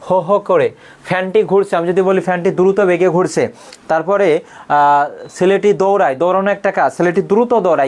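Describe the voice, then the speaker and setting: High-pitched young male tutor, exam-prep grammar drills, self-answering quiz style, frequent throat-clearing. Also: a little mellow. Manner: drills by asking questions and answering them himself; clears his throat often. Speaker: Bangla grammar coaching mentor. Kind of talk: online exam-prep class.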